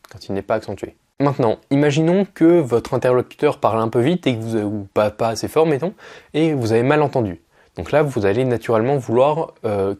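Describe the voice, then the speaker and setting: A man's voice: mid-range voice, darkish tone. Man teaching Russian phrases. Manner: explains patiently, repeats phrases slowly. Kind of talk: casual video lesson.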